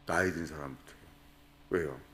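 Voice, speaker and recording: A man's voice: rumbling low, moderate pace, pushed and bright, a little hiss or hum. A man preaching a sermon at a prayer retreat, asking the congregation questions and acting out quoted voices. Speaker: pastor.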